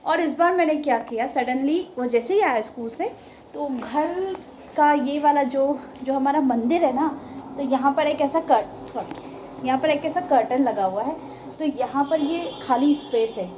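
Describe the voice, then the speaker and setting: A woman's voice: high voice, a little slow, warm tone. A woman in her thirties, a vlogger chatting casually at home, telling a story and laughing, recorded on a phone. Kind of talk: casual vlog chat. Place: at home, echoey room. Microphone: phone camera. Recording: echoey home room, faint room noise.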